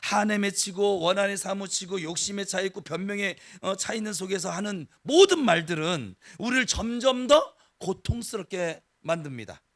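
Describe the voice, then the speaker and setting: Man, middle-aged pastor, sermon, high voice, very lively intonation. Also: normal speed, few pauses. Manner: animated, mimics grumbling crowds in dialect.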